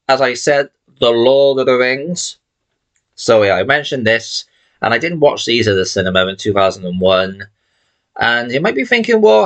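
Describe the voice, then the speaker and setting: A man in his thirties chatting casually through his film collection late at night, tired and yawning, rambling and swearing now and then. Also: medium pitch. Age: 30s. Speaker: collection vlogger.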